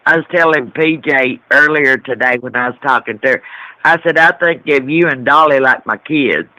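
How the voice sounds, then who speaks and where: A man's voice: medium pitch, normal speed, sharp tone, dry recording, poor audio. A middle-aged man calling in, chatting casually in a blunt, folksy way. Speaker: caller. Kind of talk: casual chat.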